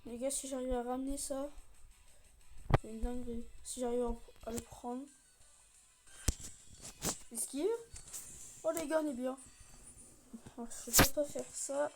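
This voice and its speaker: A woman's voice: sits high, steady tone, unhurried, long pauses, rough recording. A woman doing casual live gameplay commentary as a raging gamer, complaining in frustration and cursing at the game. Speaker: gaming video creator. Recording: music behind the voice. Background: music.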